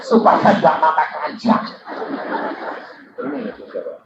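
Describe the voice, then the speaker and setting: An older man preaching a sermon full of stories, swinging from low asides to high shouted quotes. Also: sing-song, measured pace, very noisy. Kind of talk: sermon with anecdotes. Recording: dull, echoey hall recording from far off.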